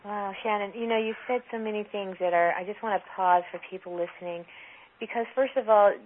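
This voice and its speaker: A woman host reflects aloud for her listeners, warm and affirming toward her guest. Her voice is thin and narrow, as if it came over a phone line. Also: mid-range voice, steady tone, brisk, a little hiss or hum. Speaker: podcast host. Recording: tinny phone-line audio.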